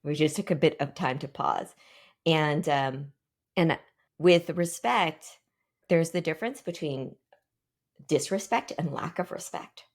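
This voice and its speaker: A woman in her forties from the Pacific Northwest, leading a reflective workshop talk for a team and often checking in with questions. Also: low-pitched. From Pacific Northwest, United States. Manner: reflective, pausing, asks the group questions. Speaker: workshop guest speaker.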